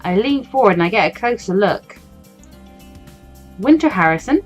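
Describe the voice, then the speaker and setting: Faint game music plays under a let's play host as she narrates the story text expressively at a moderate pace, slipping in offhand remarks. Her voice sits at medium pitch, and the audio sounds dull.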